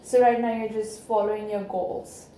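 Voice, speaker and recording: A woman plays a counselor in a role-play counseling session, posing tentative, probing questions. Her voice is warm and medium-pitched with a level tone at normal speed, recorded in an echoey room with a little hiss or hum.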